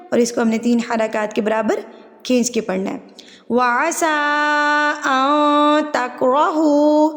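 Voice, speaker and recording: A Quran recitation teacher with a Pakistani Urdu accent gives a patient tajweed lesson in a high voice. She drawls the recited words slowly, and a long reverb trails after every line.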